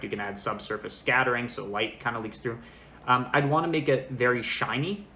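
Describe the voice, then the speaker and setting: A young man in his twenties giving a casual software tutorial, thinking aloud informally as he works. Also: mid-range voice. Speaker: tutorial presenter. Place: small indoor room. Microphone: makeshift microphone, not the usual good one. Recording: echoey room, fan noise, lesser microphone. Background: fan noise, computer keyboard.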